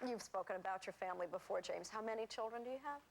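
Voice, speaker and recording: A woman's voice: medium pitch, gravelly, a faint crowd, a little hiss or hum, poor audio. Woman talk show host, probing. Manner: measured, probing questions. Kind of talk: television interview.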